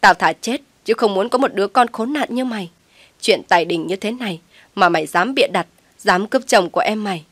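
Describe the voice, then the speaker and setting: A woman voicing an enraged middle-aged mother who shouts and scolds harshly, in a dry, close recording. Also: fairly low pitch, brisk, no echo, natural voice. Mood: tearful rage.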